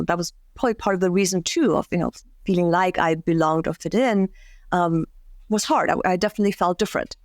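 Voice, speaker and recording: A woman's voice: on the low side, darkish tone, no echo. Reflective woman coach, dry sound. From Germany. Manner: reflective, frequent restarts and fillers. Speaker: career and life coach. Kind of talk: podcast interview guest.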